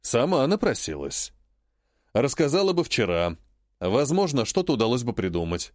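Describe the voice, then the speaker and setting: A man's voice: mid-range voice, big pitch swings, normal speed, darkish tone, no echo, studio quality, lightly acted. A man playing a stubborn sarcastic emperor. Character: stubborn, sarcastic male emperor, cold and unyielding.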